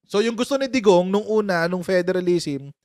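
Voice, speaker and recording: A man hosting a casual political commentary livestream, animated, laughing often and mixing English into his talk. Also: sits high, normal speed, dry recording, studio quality.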